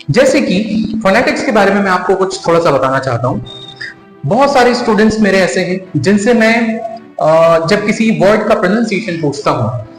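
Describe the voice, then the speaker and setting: Indian man teaching, lively high voice. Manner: explains step by step, addresses viewers as friends. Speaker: English teacher. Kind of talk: classroom-style lesson. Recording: echoey room with long reverb, faint music.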